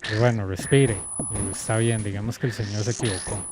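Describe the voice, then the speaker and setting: A man's voice: lowish voice, a little fast. A young man with a Costa Rican accent casually telling a work story while playing a game, acting out the people he quotes. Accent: Costa Rican Spanish. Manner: animated, acts out quoted people in conversation. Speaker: game coach streaming gameplay. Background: game music.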